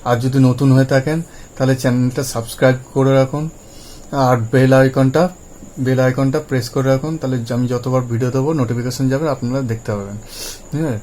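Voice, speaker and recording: A man with a Bengali accent gives a language lesson in an even, mid-pitched voice. He talks patiently and spells out letter sounds one by one, repeating them for his viewers. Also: fast talker, a little hiss or hum. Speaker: English teacher.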